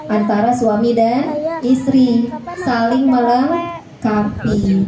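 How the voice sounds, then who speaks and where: A woman's voice: a little high, roomy sound, poor audio. A woman religious teacher giving a chatty informal lecture to mothers, often checking in with her listeners. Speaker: Islamic teacher.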